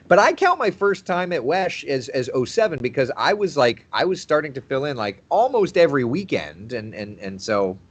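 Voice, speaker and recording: A man's voice: mid-range voice, fairly bright tone. Thirtysomething weather guy chatting casually with viewers, voice bouncing up and down a lot. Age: 30s. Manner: chatty, laughs easily, repeats phrases. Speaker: TV meteorologist host. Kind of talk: casual livestream chat reading viewer comments.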